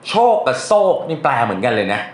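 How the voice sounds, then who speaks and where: A man's voice: mid-range voice, expressive, quick pace. A man teaching a translation class in a casual, chatty way, often quizzing his students with questions. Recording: echoey room with faint noise.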